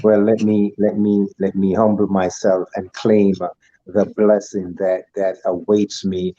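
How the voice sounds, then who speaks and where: An older man speaking as a guest over a muffled video call. His voice sits low and mellow. He talks in ornate, churchly phrases, stopping often to restart. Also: little pitch movement, unhurried, no echo. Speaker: guest speaker, school alumnus. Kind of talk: formal online panel talk.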